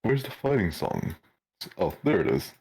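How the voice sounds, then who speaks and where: Low, slightly husky, sweary tabletop streamer. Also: very animated, moderate pace, darkish tone. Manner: sweary, teasing. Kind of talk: casual chat.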